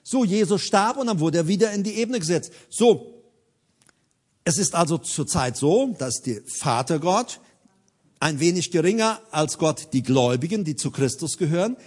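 A man preaches with a high, lively voice that climbs and drops across a wide range. He drives his points home with emphasis and repeats key phrases for weight. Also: moderate pace. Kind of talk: sermon.

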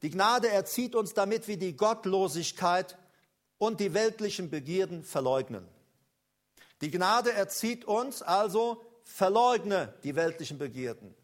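A man preaching a charismatic sermon, emphatic and rousing, speaking straight to his listeners and swinging between loud calls and low, close asides. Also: animated, a little slow.

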